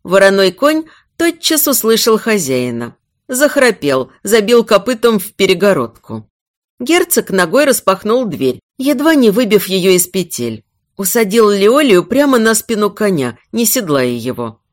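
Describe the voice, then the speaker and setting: A woman's voice: medium pitch, unhurried. A woman narrating a novel expressively in scripted narration. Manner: expressive, acts out character voices. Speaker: audiobook narrator.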